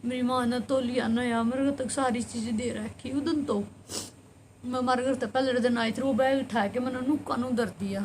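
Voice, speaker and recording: A woman's voice: fairly high pitch, fairly even intonation, moderate pace, background noise. Haryanvi woman, rambling earnest storyteller. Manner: earnest, rambling retelling with repeated phrases. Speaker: vlogger. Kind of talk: personal storytelling.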